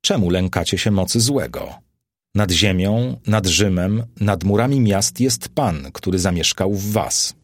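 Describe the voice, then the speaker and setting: A man's voice: low voice, animated, measured pace, no echo, studio quality, heavily acted. A man voicing an aged male apostle who preaches with solemn, exalted fervour in an audiobook. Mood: commanding. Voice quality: solemn, rising to exalted declamation. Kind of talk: audiobook character reading.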